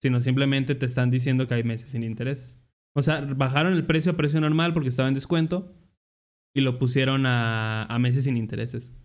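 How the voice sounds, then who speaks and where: A young man, hosting a casual podcast and telling animated, slangy stories. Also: mid-range voice, brisk. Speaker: podcast host.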